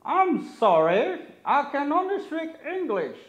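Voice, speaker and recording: Friendly uncle figure voiced by a man, high lively voice, slow simple speech, dull roomy sound. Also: exaggerated voice. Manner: slow, simple English phrases. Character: friendly English-speaking uncle character. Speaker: guest character.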